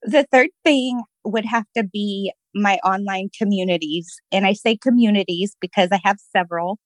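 A cheerful, positive woman talking casually as a guest and laughing easily. Her pitch sits in the middle, and the recording is close and dry. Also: moderate pace, dry recording, low-quality recording. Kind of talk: casual interview chat.

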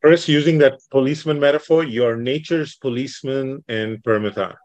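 A man hosting a podcast interview, enthusiastic and quick to repeat praise. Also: mid-range voice, darkish tone, dry recording, lo-fi sound. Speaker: podcast host.

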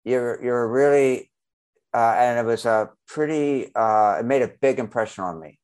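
A man's voice: mid-range voice, measured pace, a little mellow, clean tone. A man hosting an interview podcast, asking questions hesitantly with many fillers. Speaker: podcast host. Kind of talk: interview conversation.

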